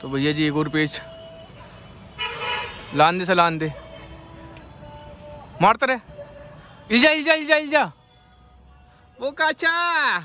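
Young male vlogger, high bright voice, unhurried, excitable, laughing, phone mic outdoors. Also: faint music behind. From India. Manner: excitable, laughing, urging a friend on. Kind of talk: casual vlog commentary. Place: rooftop outdoors in a city. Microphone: phone camera held by the speaker.

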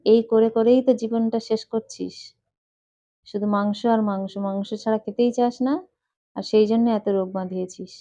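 A woman's voice: a little high, fairly even intonation, moderate pace, warm tone, lo-fi sound, close to an everyday voice. A woman voicing an elderly mother-in-law who scolds her sister about her diet. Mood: scolding.

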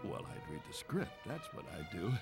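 A man with an American accent voicing a vain, panicky hero dog in an animated film, pompous and theatrical. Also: deep voice, fairly quick. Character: vain, panicky adult male hero dog, hammy TV star. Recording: film soundtrack with music behind.

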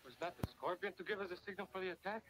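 A man's voice: high-pitched, steady tone, very fast, noisy background, lightly acted. An actor playing a male henchman and warrior in a 1940s film serial, with stiff, declamatory delivery. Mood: tense.

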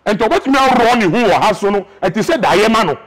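A Ghanaian prophet in his thirties explains spiritual matters emphatically in an animated interview, his fairly high voice quick and lively as he gestures widely and mixes Twi with English. He's recorded on a lapel mic in an indoor church hall decorated with flowers, with crowd noise in the background.

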